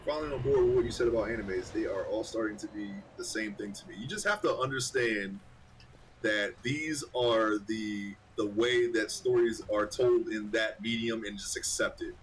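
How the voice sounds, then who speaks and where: A man's voice: fairly low pitch, normal speed, rough recording. A man chatting casually while streaming a co-op game, rambling and repeating himself. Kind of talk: casual chat while gaming. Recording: faint background noise.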